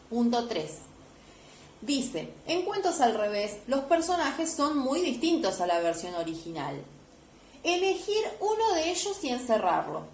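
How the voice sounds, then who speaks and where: Patient woman teacher, echoey room. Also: a little high. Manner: patient, step-by-step, often checking with "¿sí?". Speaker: primary school teacher. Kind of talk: explaining homework to children. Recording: echoey room, faint background hiss.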